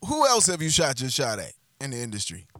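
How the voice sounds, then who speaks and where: A man's voice: mid-range voice, huge pitch swings, sharp tone, no echo, clean studio sound. A man hosting a casual interview, throwing in slang affirmations and hyping up his guest. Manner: hype affirmations, slang, quick laughs. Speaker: radio show host.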